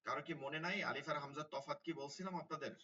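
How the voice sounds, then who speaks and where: A man teaches an online Quran class in a bright, sharp voice pitched a little high. He repeats each term and quizzes his students as he goes. The sound is dull and comes from some distance from the mic. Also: very fast. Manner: repeats key terms, asks students questions.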